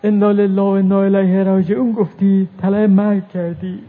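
A man preaching a religious mourning sermon, reciting Arabic verses and moving between hushed telling and rising lament. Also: high-pitched, level tone. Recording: tinny phone-like recording.

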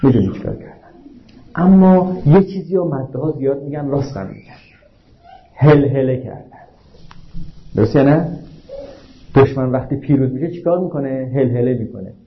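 A male preacher giving a religious sermon, asking the audience frequent rhetorical questions and slowing down to stress quoted lines. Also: medium pitch, animated. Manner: slows down to recite and stress quotations. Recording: dull lo-fi recording.

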